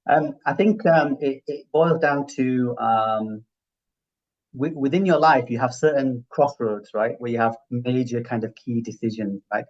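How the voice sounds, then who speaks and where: Low-pitched Yorkshire man, dull lo-fi audio. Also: fairly even intonation, measured pace. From Yorkshire, England. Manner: reflective, often seeks agreement with "right?". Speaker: interview guest, healthcare finance professional. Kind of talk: conversational interview answers.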